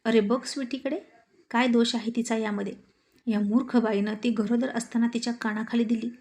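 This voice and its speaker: Furious hot-tempered young husband, as a woman narrator puts him on, scolding, fairly high voice, mellow tone, storybook drama. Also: steady tone, unhurried, natural voice. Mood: angry. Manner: shouting, scolding.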